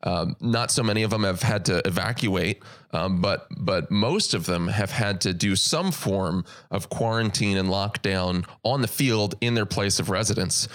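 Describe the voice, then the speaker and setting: Man, deep voice, podcast co-host, conversational, asks questions. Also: moderate pace, fairly bright tone. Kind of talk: casual interview talk.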